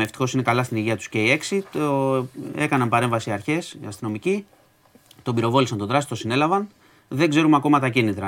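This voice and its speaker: Matter-of-fact man reading out the news. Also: lowish voice. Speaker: news segment co-host. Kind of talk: casual news rundown.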